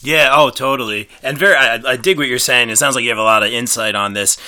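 A man's voice: medium pitch, fast talker, pushed and bright. A man hosting a podcast interview in casual, joking chat with hesitant, repeated phrasing. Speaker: podcast host.

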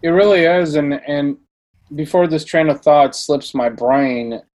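A man in his forties from Bulgaria, hosting a podcast in an animated, conversational way with rhetorical questions. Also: on the high side, a little slow. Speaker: podcast host. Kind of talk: casual conversation.

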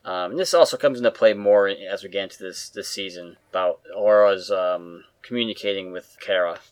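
A man with a fairly low voice, chiming in on a casual podcast with short comments and background facts. He talks loosely, with fillers and restarts. The sound is close and dry. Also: moderate pace, smooth, dry recording. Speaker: podcast co-host. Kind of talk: casual chat.

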